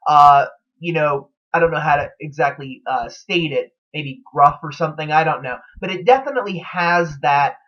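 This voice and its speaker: In a dull, lo-fi recording, a man who hosts a vlog about TV show theories rambles hesitantly through casual speculation. He speaks a little high, with a fairly bright tone.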